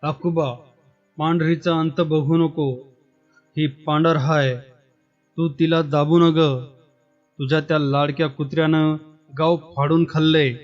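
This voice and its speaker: A man's voice: a little high, flat delivery, a little slow, long pauses, lightly acted. A man doing a nasal complaining villager. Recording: dull lo-fi with faint music.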